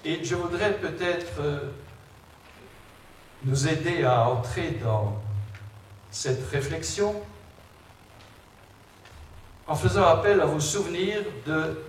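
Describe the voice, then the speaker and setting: Man, priest lecturing, unhurried, explanatory with asides, roomy echo like a big empty hall. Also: fairly high pitch. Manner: explanatory, conversational asides to listeners. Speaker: priest giving a Lenten lecture. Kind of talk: religious lecture to an audience. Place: large reverberant indoor space. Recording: echoey hall, distant mic, background noise.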